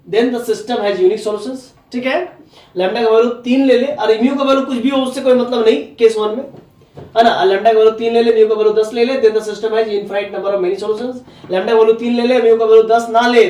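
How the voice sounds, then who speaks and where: Blunt, high-voiced maths teacher from Jharkhand. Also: male voice, darkish tone, roomy sound, distant mic. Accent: Hindi from Jharkhand. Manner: blunt, scolding, repeats "है ना?" and "ठीक है?". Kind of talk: classroom maths lecture.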